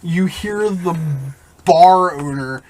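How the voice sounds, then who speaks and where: A man runs a tabletop game as game master, narrating what the players see and hear. He keeps breaking into laughter and tosses in quick, joking asides. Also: sits high, a little mellow, slight background noise.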